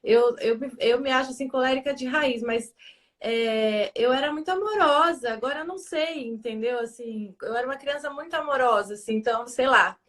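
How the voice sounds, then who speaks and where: A woman's voice: high voice, brisk, fairly bright tone. A woman hosting a casual conversation, chatty and thinking aloud as she talks. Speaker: host. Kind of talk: casual chat.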